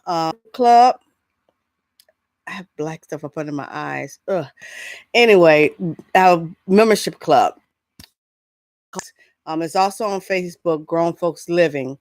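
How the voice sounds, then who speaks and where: Speaking slowly with long pauses, a middle-aged woman with a fairly low voice hosts a casual solo entertainment vlog, making announcements and drifting into rambling asides. She's the host of an entertainment news show, and the recording is dry.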